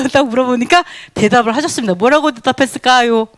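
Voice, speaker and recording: A woman teaching a Bible sermon in an animated way, asking her listeners many questions, laughing often and acting out quoted voices. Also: high-pitched, fairly quick, no room sound.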